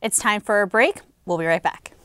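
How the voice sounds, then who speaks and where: A woman anchoring a student TV newscast, reading bulletins in a clear, formal way from a studio. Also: mid-range voice, normal speed, a bit bright. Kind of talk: read news bulletin.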